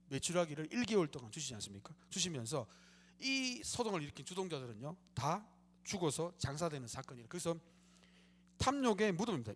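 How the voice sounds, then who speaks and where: A male pastor in full sermon mode, his voice sitting a bit high and swinging widely in pitch. He talks straight to the congregation and jumps into a louder, higher voice to act out grumbling crowds. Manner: animated preaching, acts out complaining crowds in a raised voice.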